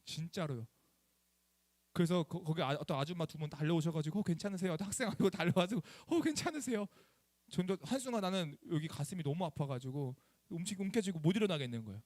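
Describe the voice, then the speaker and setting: A young youth pastor addresses teenagers in a voice that's a little high, moving at a quick pace. Animated and chatty, he shares a personal story and questions the students throughout this lively sermon, recorded with no echo.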